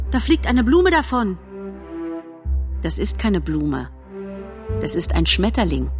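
A woman narrating a children's novel in a lively, expressive storytelling manner. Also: fairly low pitch, breathy edge, dry recording, clean studio sound. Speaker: audiobook narrator.

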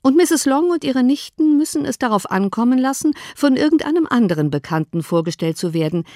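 Woman voicing a dry ironic father, measured, calmly teasing, storybook reading, close dry sound. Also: sits high, dry recording, voice pushed up. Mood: wry. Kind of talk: audiobook character voice.

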